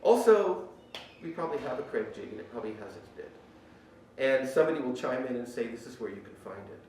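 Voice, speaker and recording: A man with a mid-range, darkish voice talks fast with lively intonation as he runs an informal shop orientation, emphatically explaining rules and equipment. His face mask slightly muffles his plain speech. The indoor woodworking shop is very echoey, heard through a distant microphone with faint noise.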